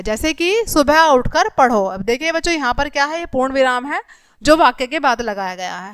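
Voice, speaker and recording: A woman teacher giving a grammar lesson to young children, speaking to them directly and reading example sentences slowly and clearly. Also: high-pitched, fairly bright tone, no room sound, clean studio sound.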